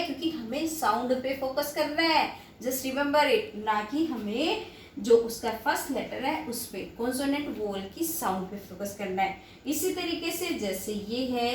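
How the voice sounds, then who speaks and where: Woman teacher, high voice, patient drilling, faint noise in an echoey room. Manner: asks and answers her own questions, repeats key points. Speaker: English teacher. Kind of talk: classroom grammar lesson.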